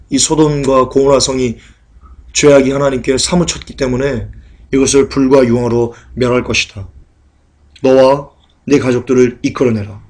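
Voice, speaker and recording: A man preaching a sermon in dramatic style, acting out mocking crowds and loud shouted warnings. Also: mid-range voice. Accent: Korean.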